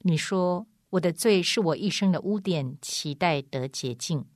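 A woman's voice: on the low side, unhurried, no echo, clean studio sound. A woman preaching an evangelistic sermon in an emphatic, repetitive way, often acting out a back-and-forth with a doubting listener.

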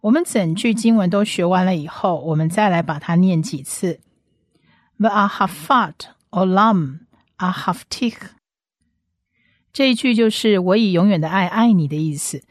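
A woman teaching a slow, step-by-step language lesson, patiently repeating each sound several times. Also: lowish voice, darkish tone, no echo, studio quality. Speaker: Hebrew teacher.

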